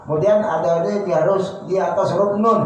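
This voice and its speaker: A man's voice: high voice, fairly even intonation, brisk. A man teaching a religious study lesson in a prayer room, patiently repeating and drilling each pronunciation. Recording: roomy, distant echoey prayer room.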